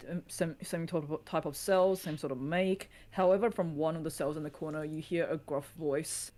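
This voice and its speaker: A game master with a mid-pitched voice runs a tabletop session. The delivery is informal, moving between rules talk and scene description. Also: fairly even intonation, moderate pace, a little mellow. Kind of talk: narrating a tabletop game, casual.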